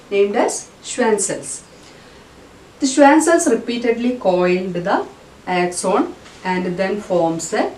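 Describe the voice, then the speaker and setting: A woman's voice: medium pitch, a little mellow. A woman with a Malayalam accent teaching a school biology lesson in a didactic way, rephrasing her points as she explains. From Kerala, India. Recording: roomy, distant mic with faint noise.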